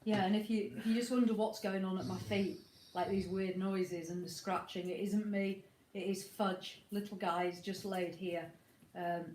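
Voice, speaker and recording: Recorded on an iPad in a room with echo, a woman at home co-hosts a motorhome live chat, sounding slightly snotty from a cold while she rambles chattily and greets viewers warmly. Her pitch is medium, her intonation fairly even, her pace moderate, with slight background noise.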